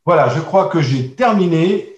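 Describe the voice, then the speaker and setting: A man's voice: on the high side, expressive, normal speed, a little mellow, highs cut off. A man teaching a recorded course on herbal medicine, explaining slides with frequent hesitations, restarts and asides to his listeners. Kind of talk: recorded online lesson with slides. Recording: echoey room, voice a bit distant.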